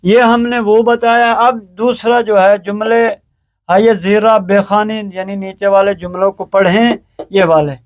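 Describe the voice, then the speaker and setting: A man teaching a Persian lesson, going slowly and repeating words so they can be said back. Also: high voice, fairly even intonation. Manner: slow, repeats words for pronunciation practice. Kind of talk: recorded language lesson.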